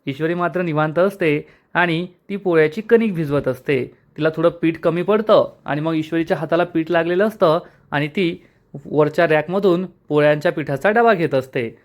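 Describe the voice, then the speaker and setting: A man narrates a television episode recap in a lively storytelling manner. He slips into the characters' dialogue as he goes, and his voice sits a little higher than most men's. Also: moderate pace. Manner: retells scenes acting out each character's lines. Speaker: serial review narrator.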